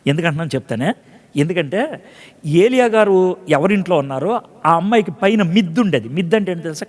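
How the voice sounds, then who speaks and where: A man's voice: on the high side, long reverb tail. A man pastor preaching a sermon in a conversational way, acting out scripture dialogues and quizzing his congregation. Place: church.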